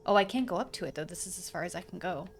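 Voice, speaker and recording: A young woman chats casually at home during a live gameplay stream, rambling along with slang and the occasional swear. Her fairly low voice is animated and very fast, picked up by a desk streaming mic with faint music in the background.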